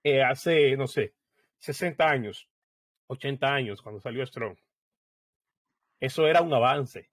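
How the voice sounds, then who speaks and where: Man, mid-pitched voice, step-by-step software walkthrough, thinking aloud, dry close recording. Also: measured pace, pauses often, no echo. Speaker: software tutorial presenter. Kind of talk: casual screen-share tutorial.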